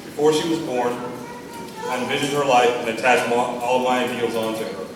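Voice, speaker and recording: Middle-aged American male, father of the bride speech, medium pitch, sentimental with gentle humor, heavily reverberant and noisy recording. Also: fairly even intonation, fairly quick, recorded from a distance. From Texas, United States. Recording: echoey room from afar, noisy.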